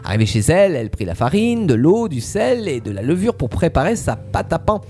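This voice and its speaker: A man's voice: fairly high pitch, very animated, a little fast, darkish tone, slight background noise. A man casually telling a fairy tale to friends, playful, with fillers and asides. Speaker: storyteller.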